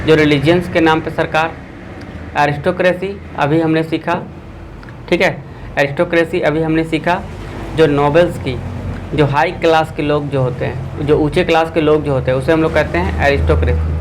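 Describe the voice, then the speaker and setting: A man's voice: fairly high pitch, noisy background. Man teaching an online exam class. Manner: quizzing viewers with a repeated filler.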